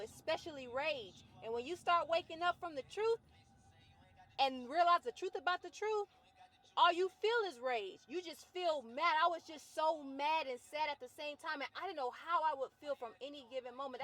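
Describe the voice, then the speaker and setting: In this personal rant to camera, a woman who trains and vlogs about fitness speaks plainly and boldly, alternating between loud outbursts and quiet, low-key musing.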